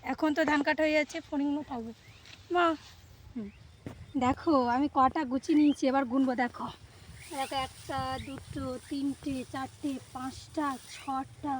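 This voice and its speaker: A woman's voice: sits high, steady tone, moderate pace, slight background noise. Young woman vlogging from a rice field. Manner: chatty, talks straight to viewers while working. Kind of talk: casual vlog narration. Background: faint rural outdoor ambience, birds.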